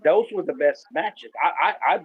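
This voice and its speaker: A man with a slightly high voice tells a story in loose, casual chat, stumbling over fillers and starting over again and again. The recording is dull and lo-fi. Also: normal speed, slightly rough. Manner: rambling storyteller, many fillers and restarts. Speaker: podcast co-host. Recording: dull lo-fi sound.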